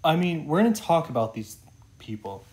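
A man's voice: fairly high pitch, sing-song, normal speed, background noise. A man hosting his own channel, chatting casually and enthusiastically about singers, rambling with lots of "like" and "oh my gosh". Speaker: YouTube channel host.

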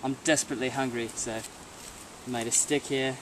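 A man's voice: medium pitch, fairly even intonation, a little fast, crowd noise, natural voice. A young man playing an earnest wilderness survival host in a comedy skit, outdoors. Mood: mock-serious. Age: young adult. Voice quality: mock-serious documentary narration. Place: outdoors in woods. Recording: noisy outdoor camcorder audio.

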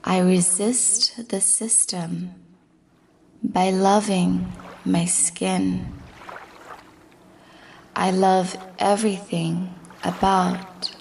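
With a low, steady, slightly mellow voice, a woman leads a guided meditation with affirmations over a faint hiss or hum. Her soothing, slow speech sometimes turns breathy, nearly a whisper.

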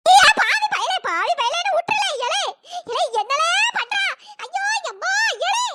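A woman's voice: sing-song, a little slow, full character voice. A woman voicing a scolding, wailing old grandmother with an in a cartoon. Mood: outraged. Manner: shrieking, scolding, melodramatic wailing. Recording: high pitch-shifted cartoon voice with background noise.

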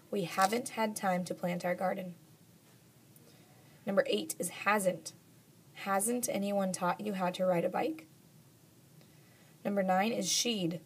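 A young woman teacher reading out a spelling test in a measured, matter-of-fact way, dictating numbered words with example sentences. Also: mid-range voice, a little mellow, breathy edge. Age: young adult. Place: school classroom, indoors.

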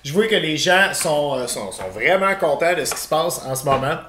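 Quebecois guy hosting a live cooking stream, pretty high voice, goofy and rambly, echoey kitchen with noise behind. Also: expressive, sharp tone. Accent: Québécois. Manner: playful, rambling, quick asides. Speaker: host of a live cooking show. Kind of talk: casual live-stream chat. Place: home kitchen. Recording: echoey kitchen, noisy background.

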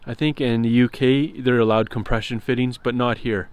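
A man giving a relaxed walkthrough of his trailer build, explaining as he goes with some fillers. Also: medium pitch, normal speed, clear, resonant tone, no room sound. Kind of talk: casual walkthrough tour. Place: inside a converted cargo trailer.

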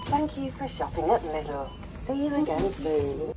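A woman's recorded voice giving polite, measured self-checkout prompts, played over a supermarket speaker and heard from a distance. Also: fairly low pitch, sing-song. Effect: recorded self-checkout announcement over a shop speaker. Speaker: self-checkout machine announcer. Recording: distant shop speaker, noisy store.

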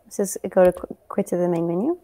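Mellow-voiced woman chatting on a livestream. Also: fairly low pitch, lively intonation, fast talker. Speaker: co-host of a gaming livestream. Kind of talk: casual chat, explaining the game. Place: living room at home, on a couch.

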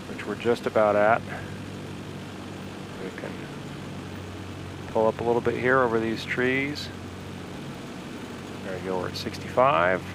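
A flight sim video host with a fairly low voice talks through each step aloud as he flies his home cockpit, giving relaxed, casual instructional narration. He uses an aviation headset mic, and a steady engine drone sits clearly beneath his voice along with other background noise.

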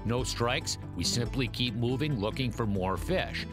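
A man giving scripted voice-over narration for an outdoor show in a steady, informative manner. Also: mid-range voice, a little slow, music in the background. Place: studio voice-over.

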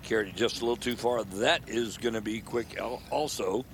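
Low-pitched male golf commentator, noisy outdoor broadcast. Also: moderate pace, fairly bright tone.

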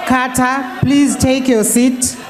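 A woman's voice: high-pitched, fairly even intonation, slow, a crowd in the background, background noise. A middle-aged woman with a South African accent chairing a parliament session in a formal, firm manner, at times raising her voice to keep order. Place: large parliamentary chamber. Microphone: desk microphone.

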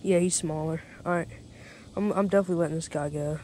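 A man's voice: fairly high pitch, fairly even intonation, fast talker, mellow. Young man, casual fishing vlogger, laid-back chatty talk, head-mounted camera mic, outdoor ambience and noise. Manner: laid-back, chatty, says "dude" and "bro" a lot. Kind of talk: casual outdoor vlog narration. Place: outdoors by a small pond. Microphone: head-mounted action camera.

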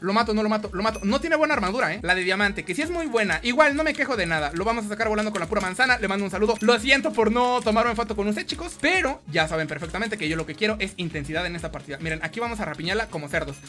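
A young man with a Mexican accent doing excitable, playful gameplay commentary, talking straight to his viewers. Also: high voice, rapid-fire, hardly any pauses, faint music behind. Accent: Mexican Spanish. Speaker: gaming YouTuber.

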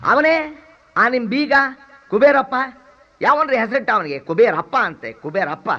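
An actor playing a cheeky comic servant who rattles off insults and mocks others in stage comedy style. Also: male voice, very high voice, expressive, a bit bright, heavily acted. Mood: mocking. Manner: rapid strings of abusive insults, mocking mimicry. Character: cheeky comic male servant, loud and mocking. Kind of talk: stage comedy drama acting. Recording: dull lo-fi drama recording.

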